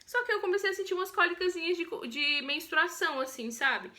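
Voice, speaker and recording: In this lively vlog, a young woman from Brazil shares how she was born, talking in a chatty, animated way. Her Brazilian Portuguese accent comes through, her pitch is extremely high, and she talks fast.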